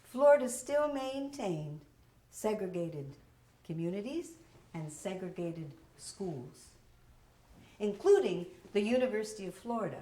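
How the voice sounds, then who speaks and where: Lively woman telling her life story on stage. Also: mid-range voice, unhurried. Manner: lively, wry, expressive storytelling. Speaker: solo stage performer. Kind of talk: one-woman show storytelling. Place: theater stage. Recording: roomy theater with faint hiss.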